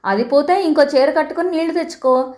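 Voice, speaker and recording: A sensible mother figure who scolds gently but firmly, as a woman storyteller puts her on. The voice rides noticeably higher than the narration, fond and matter-of-fact. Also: fairly quick, close to an everyday voice. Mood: kindly scolding. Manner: affectionate scolding tone. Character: caring older mother, kindly scolding and sensible.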